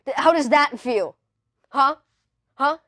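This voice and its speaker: A woman plays a nervous young guy doing stand-up, firing off cheesy puns and pleading with a silent crowd. The voice sits a little high and sounds close and dry, with no room around it. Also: slow, fairly bright tone, no room sound. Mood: awkward joking. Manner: flustered, pun-heavy, needy for laughs. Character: awkward young male stand-up comic. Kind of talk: comedy sketch.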